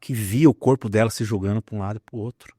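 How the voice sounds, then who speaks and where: A man, a pastor telling a healing story in an animated, emphatic way. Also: on the low side, fast, husky, no echo, studio quality. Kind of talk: testimony in a conversation.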